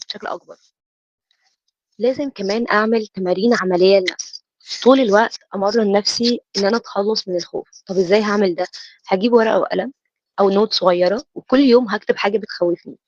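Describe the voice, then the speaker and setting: Egyptian woman giving a motivational talk, talks super fast, asks herself stuff then answers it, kinda dull lo-fi sound. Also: mid-range voice, dry recording. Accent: Egyptian Arabic. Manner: poses rhetorical questions and answers them herself. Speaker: speaker giving a self-help lecture. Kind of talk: motivational lecture.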